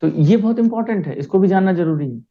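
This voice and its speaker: A male primary school teacher leads an online lesson, his voice pitched a little high. He talks patiently and keeps pausing to check that the children follow. The sound is dull and lo-fi, like a video call. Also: animated.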